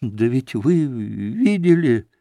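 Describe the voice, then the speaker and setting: A man's voice: mid-range voice, sing-song, slow, vocal fry, warm tone, no echo, studio quality, full character voice. A man voicing a frantic begging staff captain. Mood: desperate pleading. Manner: imploring, breaking off mid-plea. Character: desperate poor middle-aged staff captain pleading.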